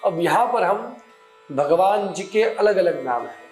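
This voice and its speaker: A man guiding a puja step by step, with slow, measured Sanskrit mantra chanting. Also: high-pitched, expressive. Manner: slow, measured recitation of mantras and name litanies. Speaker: puja instructor. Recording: echoey room with soft music behind.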